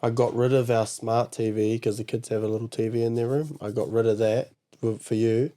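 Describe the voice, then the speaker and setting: A man in his twenties with a New Zealand accent and a soft-edged, mellow tone. He talks casually as a podcast co-host, blunt and happy to swear, at an average pitch for a man. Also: fairly even intonation, brisk. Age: 20s.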